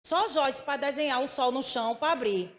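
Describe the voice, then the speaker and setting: A woman pastor, preaching a sermon and telling a personal story with lively acted-out dialogue. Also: high-pitched, moderate pace. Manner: storytelling, animated, acts out dialogue.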